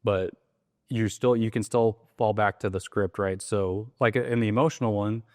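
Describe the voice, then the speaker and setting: A man's voice: on the low side, normal speed, no echo, studio quality. A man casually explaining how to run sales calls, often acting out the lines he says on the phone. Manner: relaxed, acts out sales calls with quoted lines. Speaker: real estate wholesaling coach. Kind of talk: casual teaching conversation.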